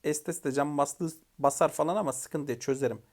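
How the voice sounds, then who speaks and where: Excitable young man calling out gameplay. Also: a little high, brisk. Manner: excitable, shouting commands at teammates, frustrated venting. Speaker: gaming YouTuber. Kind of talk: live gameplay commentary.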